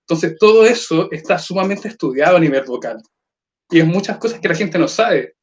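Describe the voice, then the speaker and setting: A man's voice: fairly high pitch, expressive, brisk. A man, a voice trainer explaining points in an online seminar and posing rhetorical questions. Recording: dull lo-fi call audio.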